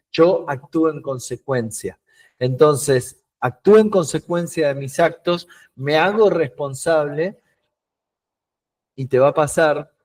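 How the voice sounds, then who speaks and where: Rioplatense man teaching an online coaching class. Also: medium pitch. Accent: Rioplatense Spanish. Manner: animated, acts out short dialogues in his examples; repeats words while searching for them. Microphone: video call.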